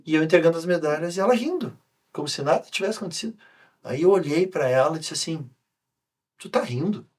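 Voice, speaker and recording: A man, a sports coach talking on a podcast, telling an animated story with many restarts. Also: fairly high pitch, fast. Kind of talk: casual podcast conversation.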